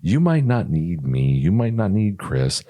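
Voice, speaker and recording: Deep, lively-voiced man chatting. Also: unhurried. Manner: animated, chatty, slips into quoted voices. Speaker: podcast co-host, dog trainer. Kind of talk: casual podcast chat.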